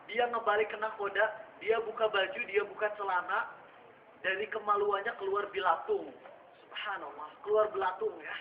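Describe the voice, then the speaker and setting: Man, preacher, storytelling sermon, acts out voices, high voice, echoey room, distant mic. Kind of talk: sermon to students. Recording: echoey room heard from far off, dull and noisy.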